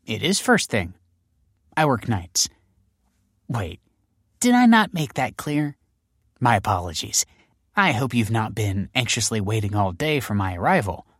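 A man's voice: lowish voice, sing-song, measured pace, pauses often, husky, dry recording, clean studio sound, voice pushed up, full character voice. A male audiobook narrator voicing a breezy, mocking female police detective who needles people with sarcastic politeness. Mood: teasing. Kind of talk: audiobook character voice.

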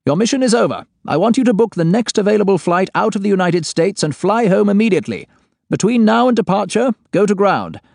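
A stressed male spymaster barks clipped orders in a raised, tense voice, as a male narrator puts him on. His commanding tone holds a forced calm. The sound is dry and close. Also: sits high, fairly quick, creaky, dry recording, pitched above the performer's own voice, full character voice.

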